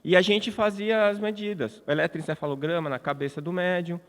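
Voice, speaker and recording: A man's voice: sits high, fairly quick, fairly bright tone. Brazilian man lecturing in a reverberant hall. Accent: Brazilian Portuguese. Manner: conversational, frequent restarts and tag questions. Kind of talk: spiritist lecture. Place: large congress hall.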